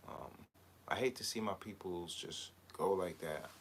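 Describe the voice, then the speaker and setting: A man from Barbados with a very low voice hosts a casual live stream, talking off the cuff. He wanders between thoughts and fills the gaps with hesitations, and a faint hiss sits behind him. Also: unhurried. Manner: rambling, with many hesitations and fillers. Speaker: clothing brand designer hosting a live chat.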